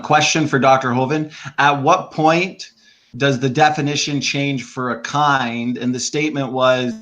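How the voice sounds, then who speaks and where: A male moderator reading audience questions in a debate. He speaks hesitantly, often pausing on fillers. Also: mid-range voice, a bit bright.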